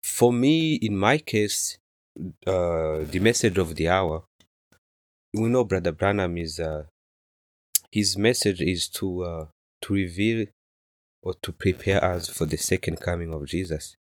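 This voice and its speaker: A man in his thirties from Rwanda, a native Kinyarwanda speaker, answering interview questions softly and hesitantly with many fillers. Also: low voice, measured pace, pauses often, dry recording. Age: 30s. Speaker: interview guest.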